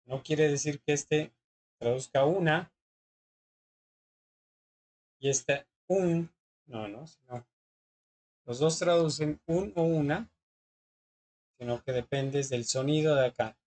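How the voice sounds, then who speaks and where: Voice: mid-range voice, slow, pauses often, a little mellow. A teacher, patiently explaining English grammar in class and often checking that students follow. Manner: patient, often checks understanding with short questions.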